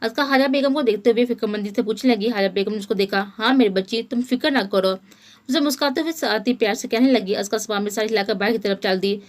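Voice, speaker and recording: A woman narrating a romance novel as an audiobook in a steady, even storytelling manner. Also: mid-range voice, fast, hardly any pauses.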